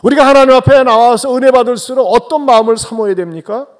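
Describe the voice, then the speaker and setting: A man, a pastor, preaching a Sunday sermon. He questions the congregation directly and swings between soft, low asides and loud, raised exhortations. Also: quick pace.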